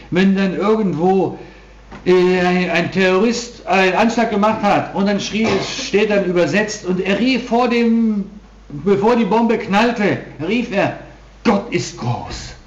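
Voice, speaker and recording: Male preacher, emphatic sermon delivery, slightly high voice, dull echoey hall sound. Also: a little hiss or hum. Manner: emphatic preaching with frequent restarts. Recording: dull roomy hall recording.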